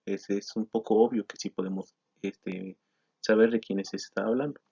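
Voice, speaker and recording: A man's voice: lowish voice, normal speed, creaky, slightly rough. Man explaining grammar. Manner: steady explanatory delivery with frequent "eh" and self-corrections. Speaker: teacher presenting a grammar lesson. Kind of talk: explanatory lesson reading from slides. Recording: slightly dull lo-fi sound.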